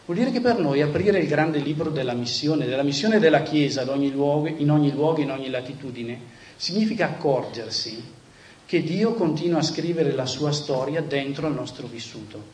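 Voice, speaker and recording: A man's voice: fairly high pitch, lively intonation, moderate pace, a little mellow. A man giving an earnest, reflective talk to a church audience, often restarting phrases and adding little tag questions. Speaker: speaker at a church gathering.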